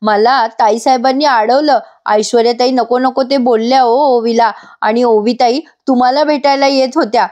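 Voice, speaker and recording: A woman's voice: a little high, fairly even intonation, normal speed, darkish tone, natural voice. A woman voicing a loyal male house servant who pleads anxiously with his mistress. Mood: pleading.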